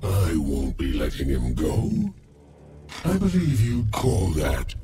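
An actor playing an ancient, menacing shadow creature that snatches children in a video game, speaking with theatrical, mocking politeness. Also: male voice, extremely low pitch, huge pitch swings, slow pace, exaggerated voice. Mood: gloating menace. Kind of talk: video game character acting. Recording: loud background music.

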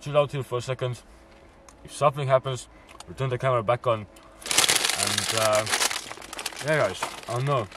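A man's voice: medium pitch, fairly even intonation, normal speed. A young man chatting casually to the camera as a vlogger. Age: young adult, about late teens. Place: small wooden shed attic at night. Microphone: camera a short distance away. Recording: noisy, distant camera microphone.

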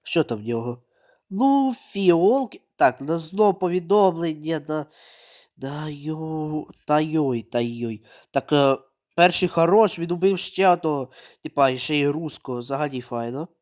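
A man giving running gameplay commentary, narrating his own moves, repeating words and breaking into sudden excited outbursts. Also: on the high side, normal speed. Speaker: mobile game streamer.

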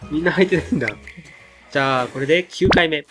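A man chatting casually while playing a video game, blunt and joking in rough everyday speech. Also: a little high, fast talker. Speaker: game commentator. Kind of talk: casual gameplay chat. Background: game music.

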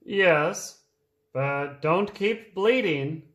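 A man voicing a calm, firm boat owner who speaks slowly and sets gentle rules. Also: on the high side, roomy sound, exaggerated voice. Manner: slow, measured, setting gentle rules.

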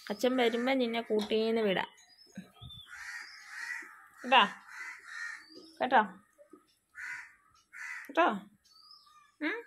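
A woman's voice: a little high, slow pace, long pauses, fairly bright tone, a little hiss or hum. A woman talking soothing baby talk to her crying puppy, coaxing and repeating herself. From Kerala, India. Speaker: dog owner vlogger.

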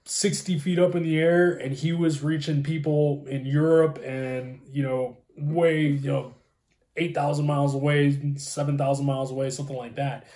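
A man in his thirties co-hosts a conversation explaining ham radio, casual yet informative. His voice is fairly high and warm, with a level tone and normal speed. He's recorded indoors in a small room at home that sounds roomy and echoey.

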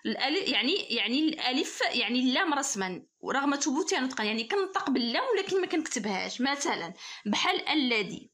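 Moroccan arabic lady teacher going over grammar rules, high-pitched and talks fast. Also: big pitch swings, fairly bright tone. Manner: patient, explains rules step by step. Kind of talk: explaining a grammar test to pupils.

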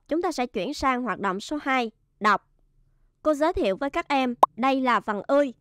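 A woman teacher giving a first-grade reading lesson, spelling out syllables slowly and clearly. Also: high-pitched, a bit bright, dry recording, clean studio sound. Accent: Vietnamese.

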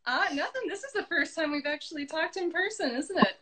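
Brief: 30s woman, high voice, friendly and a bit hesitant, phone stream with chatter behind. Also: expressive, brisk. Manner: friendly, laughs often, a little hesitant. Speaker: illustrator and guest. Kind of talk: casual live-stream chat. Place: home room, indoors. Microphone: phone camera at arm's length.

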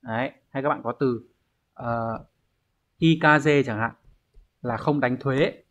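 In this dull lo-fi recording, a Japanese man teaches an online exam review lesson in a mid-range, slightly bright voice. He takes it slowly, explaining step by step and checking in with his students often.

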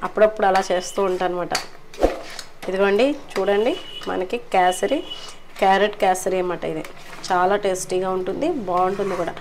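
A woman talks her viewers through a home recipe in an easygoing, chatty way, with polite asides as she cooks. Her voice sits at an ordinary middle pitch. Pots, cutlery and stirring clatter clearly behind her in the kitchen. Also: steady tone, a little fast, background noise. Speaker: cooking vlogger. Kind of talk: casual cooking narration.

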